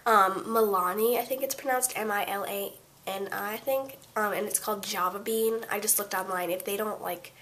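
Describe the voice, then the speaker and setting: A woman's voice: mid-range voice, fairly even intonation, normal speed, a bit bright, a little hiss or hum. Stuffy-nosed teenage girl rambling through a tutorial. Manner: rambling, chatty, full of fillers and self-corrections. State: congested from a cold. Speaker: beauty vlogger. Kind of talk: casual makeup tutorial.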